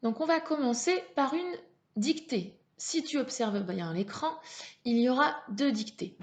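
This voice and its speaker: A woman teacher leading a reading lesson for young children, slow and patient, sounding out syllables. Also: high voice, lively intonation. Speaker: primary school teacher.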